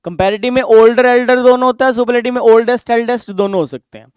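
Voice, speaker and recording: Male tutor with an Indian accent, high and smooth voice, dry close sound, patient step-by-step explainer. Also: fairly even intonation, fast, a little mellow, no room sound. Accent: Indian English. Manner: explains patiently, asks rhetorical checks. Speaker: teacher. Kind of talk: exam-prep grammar lesson.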